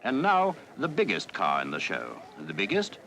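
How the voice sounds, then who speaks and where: A man's voice: lowish voice, huge pitch swings, normal speed, vocal fry, bright, forceful tone, a little hiss or hum. A man giving jaunty, chatty commentary as a 1948 newsreel voice-over. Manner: jaunty, chatty tour-guide delivery. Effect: old newsreel voice-over.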